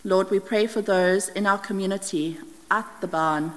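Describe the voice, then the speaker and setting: A middle-aged woman from the Scottish Highlands reading prayers aloud at a church lectern, steady and careful, with small slips as she reads. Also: moderate pace. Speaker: prayer leader. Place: church hall with brick wall, indoors. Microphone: stand mic at lectern, wide camera. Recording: long hall reverb.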